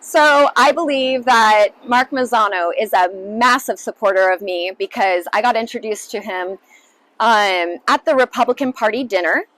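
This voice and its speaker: A woman's voice: fairly high pitch, moderate pace, a bit bright, no echo, poor audio. A woman in her late twenties, a council candidate, answering interview questions in an upbeat, earnest way with many fillers. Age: 20s. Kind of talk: sit-down news interview.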